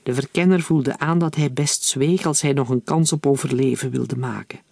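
A man narrating an audiobook in a calm, even storytelling manner. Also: medium pitch, moderate pace, creaky, no room sound.

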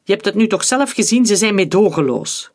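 A man voicing a cold, terse middle-aged male industrialist in an audiobook, with a husky voice. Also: a little high, lively intonation, normal speed, full character voice. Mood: curt. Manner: terse and commanding.

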